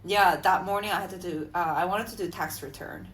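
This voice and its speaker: A woman in her thirties, co-hosting a podcast in casual chat, quick to laugh and trailing off with fillers. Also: lowish voice, fairly even intonation, very noisy. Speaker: podcast co-host.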